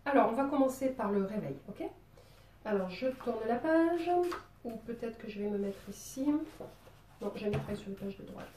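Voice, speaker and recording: A woman's voice: mid-range voice, animated, moderate pace, mellow, distant mic, a little hiss or hum. Chatty southern French woman, roomy sound. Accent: southern French (Marseille). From Marseille, southern France. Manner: chatty, playful, lots of fillers. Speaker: drawing teacher. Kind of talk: drawing tutorial. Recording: roomy sound, voice away from the mic.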